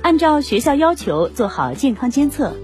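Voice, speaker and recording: A woman's voice: sits high, sing-song, normal speed, a little mellow, soft background music. A woman announcer reading scripted health tips as a public service message.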